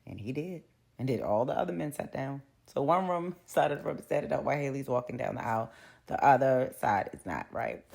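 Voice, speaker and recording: A woman giving a casual episode recap as a reviewer, a lively storyteller who acts out the characters' lines. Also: a bass voice, brisk, creaky. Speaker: TV show reviewer.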